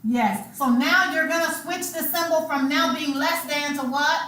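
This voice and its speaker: A woman's voice: sits high, moderate pace, sharp tone. A woman lecturing a college math class, talking in a colloquial, emphatic way and repeating her key points. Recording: echoey classroom, faint room noise.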